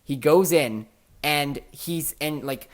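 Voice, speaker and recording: A man hosting a casual podcast, telling stories in an animated way and swearing often. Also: on the high side, slow pace. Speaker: podcast host.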